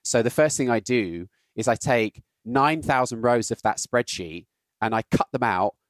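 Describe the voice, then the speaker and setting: A man's voice: medium pitch, expressive, moderate pace, no echo. British male guest, explanatory podcast chat, tags points with "right?", dead-dry mic. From Britain. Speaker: guest, health data scientist. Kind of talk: casual podcast conversation.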